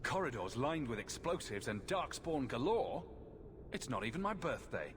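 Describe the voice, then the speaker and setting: An actor playing a wry, confident adventurer in a fantasy video game, with a direct way of talking. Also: male voice, mid-range voice, sing-song, moderate pace, natural voice. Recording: clear background ambience noise.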